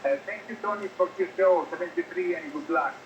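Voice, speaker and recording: A man from northwestern Italy with an Italian accent, a ham radio operator talking haltingly with fillers, heard over a shortwave signal that keeps breaking up. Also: high voice, lo-fi sound. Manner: halting, with many fillers and polite thanks. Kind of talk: ham radio contact exchange. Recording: noisy echoey shortwave radio reception.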